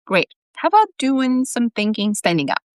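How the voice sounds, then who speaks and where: A woman reading aloud as Saint Peter, a teasing, sharp-tongued male saint who guides a newcomer. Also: fairly high pitch, very animated, moderate pace, voice pushed up. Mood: wry. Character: wry, blunt male saint guiding a newcomer.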